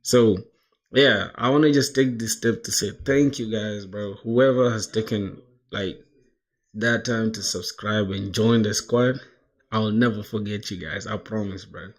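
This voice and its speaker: A man's voice: lowish voice, steady tone, measured pace. A man in his twenties from South Sudan, chatting casually on a coding live stream, dropping "bro" into nearly every line and reading chat aloud. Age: 20s. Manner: slangy, says "bro" constantly, laughs, reads chat aloud. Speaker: livestreamer coding toward a job.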